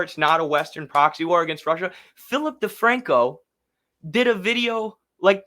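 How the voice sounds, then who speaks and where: Hosting a livestream, this man delivers casual political commentary that's indignant and sarcastic, mocking others with put-on voices. His voice is high, pushed and bright.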